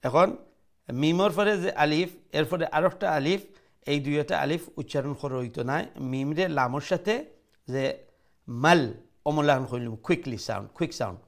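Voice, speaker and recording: A man teaching Quran recitation, modelling each word slowly and switching into English to explain. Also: fairly high pitch. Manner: slow, deliberate, repeats words to model pronunciation, mixes English into explanations. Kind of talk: tajweed lesson, letter-by-letter.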